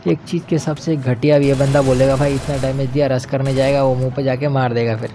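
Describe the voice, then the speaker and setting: A man's voice: medium pitch, flat delivery, fast talker, noisy background. A young man giving casual, slangy commentary over his own gameplay as a gaming channel host, chatting to viewers like friends. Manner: chatty, slangy, keeps calling viewers brother.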